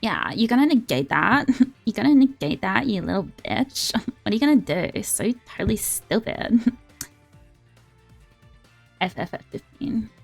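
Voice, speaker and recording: A young woman streaming a card game, chatting casually and excitably, swearing freely and sliding into a valley girl voice. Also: fairly high pitch, unhurried, gravelly, long pauses, slightly rough. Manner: excitable and profane, drifts into a put-on valley girl voice. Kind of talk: casual live-stream gaming chat. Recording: faint music behind.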